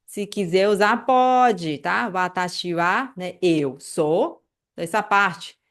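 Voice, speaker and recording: A woman with a medium-pitched voice and a Brazilian Portuguese accent teaches an online language lesson. She patiently repeats phrases slowly and checks in with the listener.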